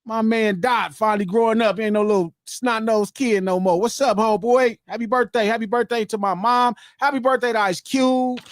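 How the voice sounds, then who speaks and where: A man in his fifties hosting a casual live-stream podcast, reading out viewer shout-outs with animated banter. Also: high-pitched, moderate pace, hardly any pauses, no room sound. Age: 50s. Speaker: podcast host reading donations.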